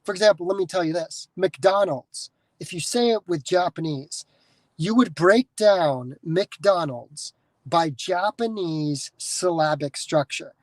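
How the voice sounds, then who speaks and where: A man's voice: high-pitched, a little slow, no echo, rough recording. Guy from the states rambling on his podcast, swears a lot, keeps restarting, dry close sound. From United States. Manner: digressive, swears freely, many restarts. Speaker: podcast host. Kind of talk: casual rambling monologue.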